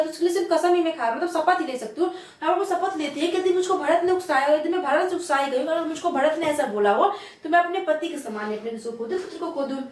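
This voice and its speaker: Brief: high-pitched woman teacher, chatty line-by-line explainer, distant from the mic. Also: reverberant. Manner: explains line by line, repeats and asks rhetorical questions. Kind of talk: casual Hindi literature lesson.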